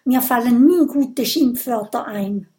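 A woman playing a loud, indignant Viking boy. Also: on the high side, unhurried, close to an everyday voice.

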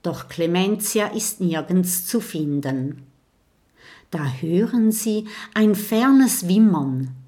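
A woman narrating a children's audiobook in a calm storytelling manner. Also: lowish voice, slow.

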